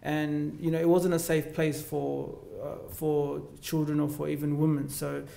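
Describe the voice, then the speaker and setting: Gravelly young man in an echoey hall. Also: fairly high pitch, little pitch movement, a little slow, warm tone. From Ethiopia. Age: 20s. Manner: informal, many fillers and restarts. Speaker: student guest speaker. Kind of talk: personal account at a lecture. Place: large lecture theatre.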